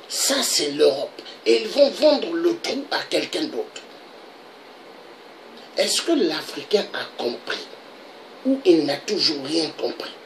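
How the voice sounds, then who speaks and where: Slow, declamatory man. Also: high voice, slight background noise, low-quality recording. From Republic of the Congo. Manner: declamatory, with repeated rhetorical questions. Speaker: political video blogger. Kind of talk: impassioned political monologue.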